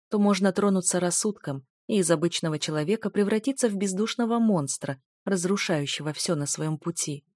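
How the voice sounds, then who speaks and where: A woman narrates a first-person fantasy novel in a steady, even storytelling voice. Her voice sits on the low side. The recording is dry and close, with no room sound. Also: no echo. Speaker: audiobook narrator.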